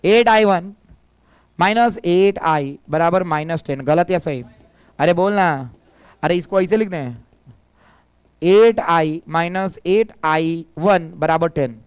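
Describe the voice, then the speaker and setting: Bihari-accented male physics teacher, slightly hoarse, prods and teases his class, crisp and dry. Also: fairly high pitch, slow pace, no room sound. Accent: Bihari Hindi. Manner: teasing, coaxing students to answer. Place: classroom with students.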